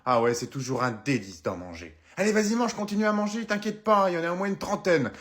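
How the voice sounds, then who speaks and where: A man's voice: high-pitched, expressive, fast, fairly bright tone. A man playing a doting grandmother who pushes cookies on a guest in a comedy sketch. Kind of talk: sketch comedy role-play.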